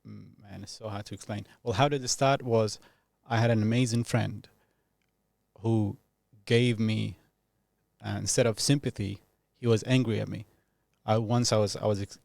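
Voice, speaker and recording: A man in his thirties from Iraq, talking as a podcast guest in a thoughtful, reflective way, pausing often and laughing easily. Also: lowish voice, creaky, darkish tone, no echo, studio quality. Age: 30s. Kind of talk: casual reflective interview talk.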